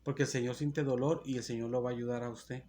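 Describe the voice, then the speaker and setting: A man's voice: medium pitch, fairly even intonation, fast, mellow, slight background noise. A man preaching a sermon as pastor, earnest and repetitive, often restarting his phrases.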